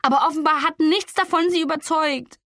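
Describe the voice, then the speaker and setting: A woman voicing a young female artist who is anxious, tearful and despairing, her voice high and breaking. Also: fairly even intonation, fairly quick, fairly bright tone, dry recording, clean studio sound.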